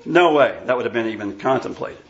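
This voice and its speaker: A man's voice: medium pitch, expressive, quick pace, dull audio. A pastor in his sixties from Iowa, preaching an emphatic, scornful sermon and bantering with the congregation. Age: 60s. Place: church sanctuary.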